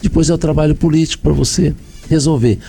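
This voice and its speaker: Brazilian male mayor, dark gravelly low voice, methodical explainer who lists things. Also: fairly even intonation, fast talker. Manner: explanatory, lists points with repeated phrases. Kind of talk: radio interview answers.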